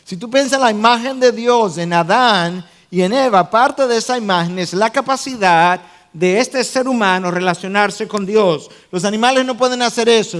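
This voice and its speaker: A man pastor preaching a sermon, explaining the text step by step, defining original-language words and putting questions to his listeners. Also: sits high.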